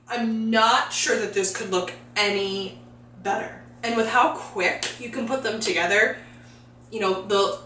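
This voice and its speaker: A woman's voice: a little high, a bit bright, slight background noise. A woman hosting a home cooking video, chatting enthusiastically as she walks through a recipe in her kitchen. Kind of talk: casual cooking demonstration. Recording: echoey kitchen, mic at a distance.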